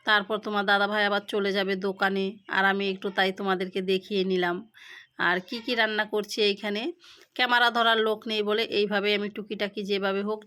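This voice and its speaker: A middle-aged woman vlogging about her day at home, talking slowly and haltingly with pauses while she has a headache, filmed on a phone set down nearby. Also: mid-range voice, sharp tone. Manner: slow, halting talk with pauses. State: unwell with a headache. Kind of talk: casual daily-life vlog. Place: home kitchen and village shop.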